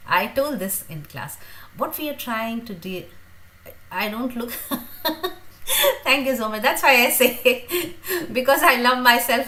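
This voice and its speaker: A woman, hosting a casual livestream Q&A, chatty and grateful, pausing often with fillers. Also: medium pitch, pushed and bright, a little hiss or hum, poor audio. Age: 50s. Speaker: teacher and livestream host.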